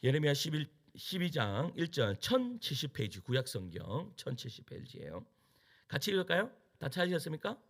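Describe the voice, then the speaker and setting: A man's voice: a little high, wildly swooping pitch, fairly quick, fairly bright tone. A male pastor preaching a sermon, questioning the congregation with emphatic delivery.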